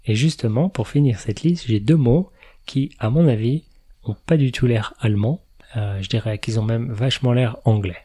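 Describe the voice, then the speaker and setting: Man, podcast host, casual explanatory chat, mellow dark voice, mid pitch. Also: moderate pace, husky. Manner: chatty, laughs at his own remarks.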